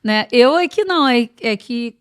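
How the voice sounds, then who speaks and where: A woman guest on a podcast, telling stories in a lively, expansive way in casual chat. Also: a little high, moderate pace, clean tone, no room sound, studio quality.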